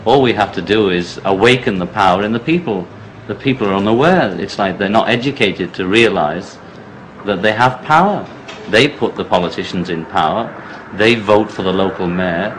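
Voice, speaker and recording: A man's voice: lowish voice, a bit bright. A man giving casual political commentary in an earnest, conversational way, phrase by phrase, on a noisy archive recording. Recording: noisy archive clip with background ambience.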